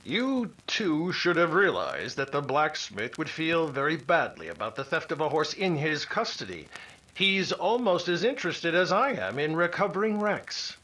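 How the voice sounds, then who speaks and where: An actor playing an upright, fearless Mountie sergeant in an old-time radio serial, firm and formal. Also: male voice, a little high, very animated, moderate pace, sharp tone, exaggerated voice, low-quality recording. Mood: calm, firm.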